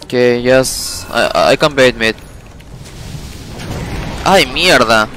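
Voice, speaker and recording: Cursing streamer ranting mid-game. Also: male voice, medium pitch, slow, fairly bright tone, slight background noise. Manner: profane, exasperated ranting at teammates. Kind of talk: live gameplay commentary.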